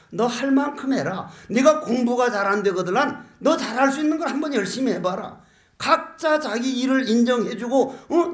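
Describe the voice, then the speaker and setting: An older man preaches, telling folksy jokes and tossing out rhetorical questions. He is a Buddhist monk giving a sermon. The sound is echoey, as in a large lecture hall. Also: very high-pitched.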